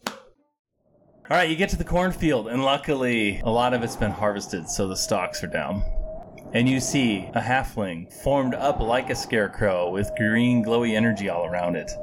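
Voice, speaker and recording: A man's voice: medium pitch, moderate pace, background noise. A man running a tabletop role-playing game, narrating scenes and calling for rolls as game master. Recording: loud music behind the voice.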